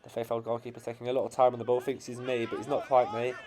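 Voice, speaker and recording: A man with an English accent commentating on his own amateur football team's match highlights, his voice cracking as the excitement builds. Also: racing. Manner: builds to shouting excitement at late chances.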